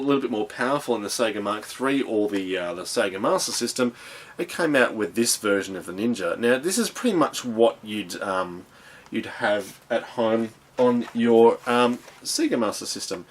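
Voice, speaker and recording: A man's voice: medium pitch, expressive, normal speed. An Australian man reviewing old video games in a casual, rambling way, full of ums and restarts, and enthusiastic. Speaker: retro game reviewer.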